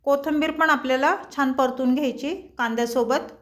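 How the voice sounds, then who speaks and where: A high-voiced woman walks viewers through a home cooking recipe. She talks in a chatty, friendly way and addresses her audience as friends. Her speech stays light and conversational. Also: steady tone, brisk, fairly bright tone. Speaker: cooking channel host.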